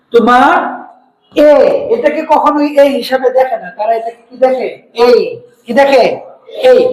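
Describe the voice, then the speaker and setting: A man's voice: very high voice, rough recording. A man teaching English in a classroom, drilling sounds for the students to repeat and then explaining and quizzing them. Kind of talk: classroom lesson with call-and-response drills. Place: madrasa classroom.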